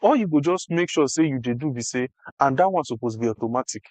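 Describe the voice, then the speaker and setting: A man's voice: mid-range voice, animated, fast, a little mellow, dry recording. A Nigerian man explaining things conversationally in Nigerian Pidgin, emphatic and repeating phrases for effect. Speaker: interview guest explaining health insurance.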